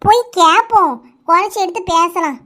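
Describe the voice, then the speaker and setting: A woman's voice: very high-pitched, normal speed, pushed and bright. A woman voicing a kindly, bossy middle-aged village woman in a cartoon, fussing affectionately, with a Kanyakumari Tamil accent. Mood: homely. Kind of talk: cartoon voice acting.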